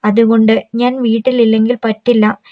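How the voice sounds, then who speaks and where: A woman reading as a young wife, soft and pleading. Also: a little high, level tone, normal speed, no room sound, phone-quality sound, lightly acted.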